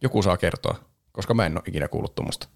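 A man with a low voice and a gravelly edge talks through a film in a relaxed podcast chat. He laughs easily and sometimes slips into quick imitations of characters. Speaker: podcast host. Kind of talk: casual chat reviewing a film.

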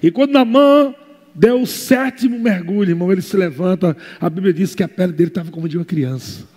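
High-voiced Brazilian pastor preaching fervently. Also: male voice, fast talker, in a large hall. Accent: Brazilian Portuguese. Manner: impassioned preaching that swings between quiet asides and shouted exhortation. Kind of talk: fervent sermon.

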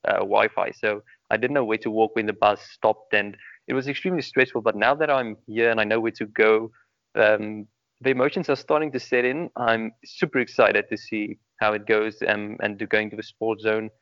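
A young man with a South African accent answers interview questions in an earnest, rambling way, leaning on ums and repeated words. His voice sits a bit low. The recording is dry and dull. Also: fairly even intonation, moderate pace, no echo. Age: young adult. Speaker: guest. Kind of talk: casual interview.

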